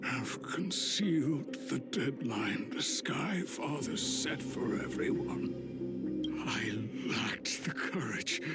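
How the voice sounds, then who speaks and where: Game role: frail, solemn old chaplain near death, breathy, wildly swooping delivery, loud music underneath. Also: male voice, on the high side. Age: older. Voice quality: breathy, strained failing voice. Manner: halting, solemn, archaic speech. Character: dying old male chaplain, ashamed, solemn, prophetic. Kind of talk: dramatic video game acting.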